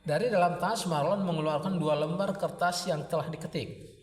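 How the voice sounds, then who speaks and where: A man's voice: a little high, normal speed, recorded from a distance. Man narrating a story in an echoey room. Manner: vivid, rhythmic narration. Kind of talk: dramatic serial story reading.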